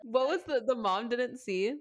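Twenties woman, podcast co-host, higher voice; amused listener, quick reactions. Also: muffled recording. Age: 20s. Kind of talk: casual chat.

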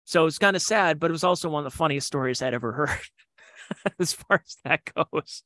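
A man's voice: fairly high pitch, normal speed, bright, forceful tone, no echo. A man hosting a podcast, telling comedy club stories in a rambling, digressive way with slangy asides. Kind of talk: casual storytelling.

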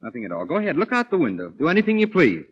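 A man's voice: a little high, wildly swooping pitch, racing, slightly rough, lo-fi sound, full character voice. An actor playing a wry, sarcastic, exasperated man with dry, clipped delivery in an old Hollywood comedy style. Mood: exasperated, sardonic.

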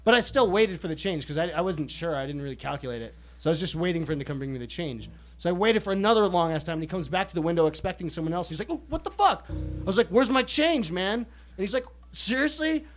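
A man's voice: a little high, lively intonation, rapid-fire, faint music behind. A man telling a rambling, self-mocking story in casual chat with friends.

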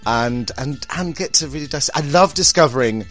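A man's voice: mid-range voice, expressive, moderate pace, fairly bright tone, soft background music. A man with a campy, theatrical drag queen manner, gushing and full of endearments as he co-hosts a podcast. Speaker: podcast co-host and drag queen horror presenter. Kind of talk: podcast banter and show introduction.

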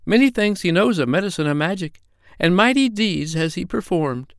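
Man voicing a squeaky clever parrot, whispery, storybook, dry close recording. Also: animated, normal speed, no echo. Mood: grand fairy voice. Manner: hushed, urgent whispering. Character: bossy female parrot, clever and scheming.

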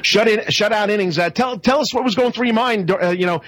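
A male sports talk host on live radio, speaking in a notably high register. He works in plugs for the show and often repeats himself to keep listeners up to speed. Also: a little fast, a bit bright, a little hiss or hum.

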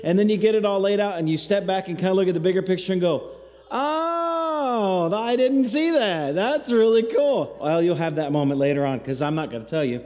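At an evening service in a church hall, an associate pastor preaches a sermon, leading call-and-response and having the congregation repeat after him. His high-pitched, expressive, moderately paced voice has a darkish tone and a cave-like echo from the reverberant hall.

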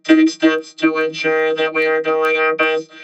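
A man putting on a stiff robot voice to read a message aloud on a podcast, loud, slow and even. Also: on the high side, over loud music, lightly acted. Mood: robotic. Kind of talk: podcast chat, reading aloud.

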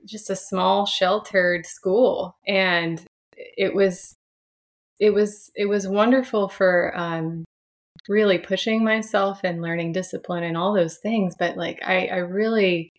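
A woman in her 30s from Franklin, Tennessee, a sound healer, reflects on her story as a guest in a casual podcast interview. Her medium-pitched voice is steady and slow. She restarts often and laughs softly along the way.

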